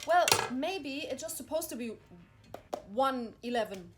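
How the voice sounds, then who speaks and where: A woman's voice: high-pitched, animated, a little slow, very noisy. A woman ranting in exasperation as she reads instructions aloud, repeating herself. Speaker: vlogger. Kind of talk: frustrated vlog monologue reading instructions aloud.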